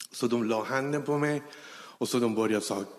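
A man telling his personal conversion story, animatedly acting out the dialogue, with halting, non-native phrasing. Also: medium pitch. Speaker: testimony speaker. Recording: reverberant hall.

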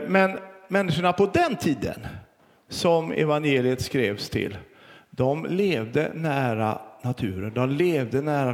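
A middle-aged man preaching a sermon as pastor, earnest and storytelling, with pauses and fillers. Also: fairly high pitch, in a large hall.

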